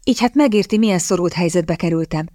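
A woman's voice: lowish voice, dark tone, dry recording, studio quality, natural voice. A woman reading the part of a scheming young woman, putting on feigned, theatrical desperation. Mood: pleading. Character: scheming young woman seeking a rich husband. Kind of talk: audiobook character reading.

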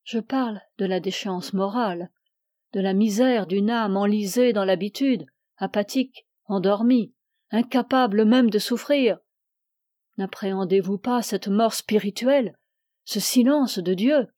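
A man's voice: high voice, measured pace, a little mellow, no room sound, clean studio sound. A woman reading the part of an aging ascetic priest who preaches with solemn fervor. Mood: fervent. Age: older. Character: aging ascetic male priest, imperious and pleading.

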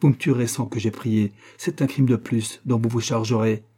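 A man's voice: steady tone, moderate pace, mellow, slightly rough, natural voice. Man voicing a desperate young marquise. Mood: frightened. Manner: shrill, desperate cries. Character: proud young Venetian marquise, terrified then pleading.

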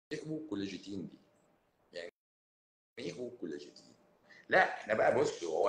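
Egyptian man, doctor on a livestream, blunt and emphatic, rapid delivery, roomy echo. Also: low voice, slight background noise. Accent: Egyptian Arabic, Cairo. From Cairo, Egypt. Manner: emphatic, blunt, swings between loud and hushed. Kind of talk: livestream talk answering viewers.

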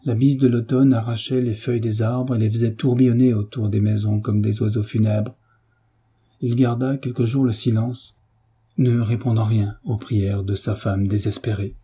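Male audiobook narrator, solemn measured reading, very husky tone, low voice. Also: little pitch movement, mellow. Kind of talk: scripted literary narration.

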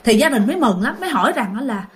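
A woman tells a ghost story in a loose, chatty way and keeps turning to her listeners. Her voice sits high and swings widely from phrase to phrase. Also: big pitch swings, very fast. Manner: chatty, addresses listeners directly. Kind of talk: casual spoken storytelling.

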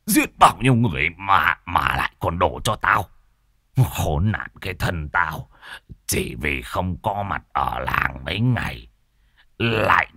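A man's voice: deep voice, pushed and bright, husky, dry recording, studio quality, exaggerated voice. A man voicing a wronged old villager who stammers and whimpers in panic.

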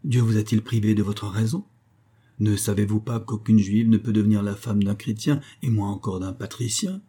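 A man reading aloud and voicing a fawning, shrewd old male banker with a nasal, whining voice, in a low husky register. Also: steady tone, normal speed, mellow. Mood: distraught.

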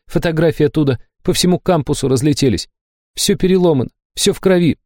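A man's voice: fairly high pitch, fast talker, a little mellow, dry recording, clean studio sound, voice pushed up, natural voice. A man voicing a young female student who scolds her friend, angry yet caring, in an audiobook reading. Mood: worried. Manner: scolding, worried, raised voice. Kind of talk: audiobook character voice.

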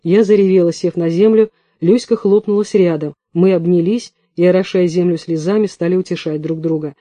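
A male audiobook reader narrates in a lively storytelling manner, with a high voice of a very dark, mellow tone. The recording is close and completely dry. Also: a little fast, no room sound.

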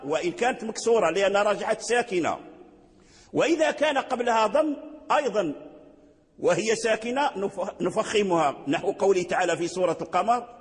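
A man with a Moroccan accent teaching Quran recitation rules in a religious lecture, repeating words and answering his own questions. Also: high-pitched. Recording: long hall reverb.

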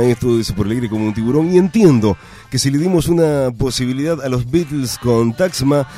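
Joking Argentine radio host, dark voice. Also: male voice, medium pitch. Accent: Argentine, Rioplatense. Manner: joking, chatty, banters with his producer. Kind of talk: casual radio chat. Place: radio studio.

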